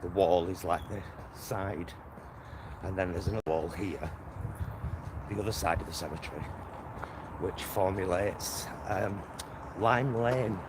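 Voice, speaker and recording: A low-pitched male vlogger with a Northern English, Greater Manchester accent strolls past roads and a motorway, chatting in a rambling, self-interrupting way. He is unhurried and leaves long pauses. The outdoor recording is full of loud traffic and ambient noise.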